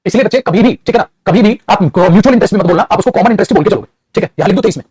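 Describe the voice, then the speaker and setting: A man's voice: high voice, very fast, darkish tone, husky, no room sound. A man teaching English grammar in a classroom, explaining patiently and calling his students "child", with some moral advice. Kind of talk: classroom lecture.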